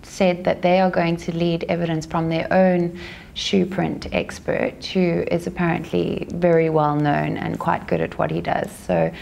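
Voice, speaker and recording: A South African woman, a lawyer, giving a measured, careful recap of a day in court. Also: lowish voice, level tone, creaky, darkish tone, a little hiss or hum. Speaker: legal commentator. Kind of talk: courtroom news commentary.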